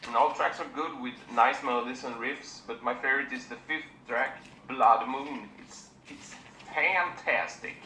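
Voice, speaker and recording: Bright-voiced man reviewing records. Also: medium pitch, fairly even intonation, roomy sound, slight background noise, rough recording. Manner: plain, unhurried, with many fillers and restarts. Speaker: music reviewer.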